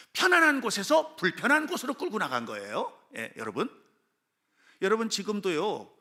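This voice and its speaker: A male pastor preaching a sermon in a church, speaking straight to the congregation and rising to shouts at his high points. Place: church sanctuary with a gathered congregation.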